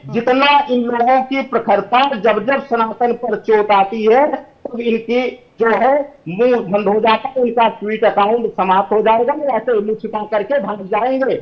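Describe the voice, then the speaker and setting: A man's voice: extremely high pitch, fairly even intonation, measured pace, muffled recording. A man, a religious teacher joining a TV debate, speaking in a fiery, preachy way and citing scripture. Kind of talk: heated TV debate.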